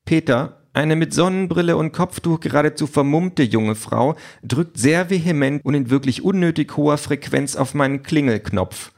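A man's voice: a little high, normal speed, few pauses, a little mellow, voice pushed up, lightly acted. A man reading an audiobook and voicing a polite, fussy automatic door in a raised voice. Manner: politely complaining, formal.

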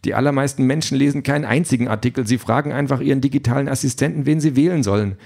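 A man's voice: medium pitch, rapid-fire, gravelly, darkish tone, pitched above the performer's own voice. A man voicing an exhausted, frustrated female campaign manager who swears bluntly, in a raised voice from an audiobook reading.

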